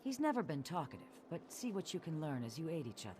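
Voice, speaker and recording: An actress voicing a stern female Orc clan chief in a video game, speaking with measured authority. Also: low-pitched, very animated, darkish tone, a little hiss or hum. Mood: wry, commanding. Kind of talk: video game character dialogue.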